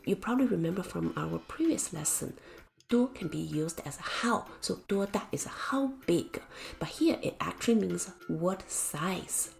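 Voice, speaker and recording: A woman teacher giving a scripted language lesson, speaking slowly and carefully and explaining with example sentences. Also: fairly low pitch, lively intonation, gravelly, a little mellow. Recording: faint music behind the voice.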